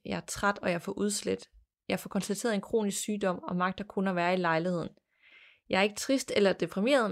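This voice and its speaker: A woman hosting a podcast, reading a listener's ghost story aloud in a measured, plain storytelling manner. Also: mid-range voice. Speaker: podcast host.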